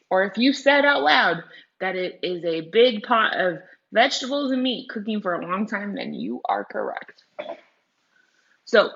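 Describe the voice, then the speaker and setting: The recording sounds lo-fi, and the woman's mid-range voice is a bit bright. As a teacher, she reads a picture book to children in a read-aloud lesson, stopping to explain vocabulary and often asking her young audience questions.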